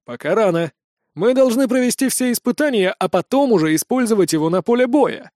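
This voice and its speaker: A man's voice: high-pitched, animated, brisk, a little mellow, no echo, studio quality, voice pushed up. Man doing an assured cunning conspirator.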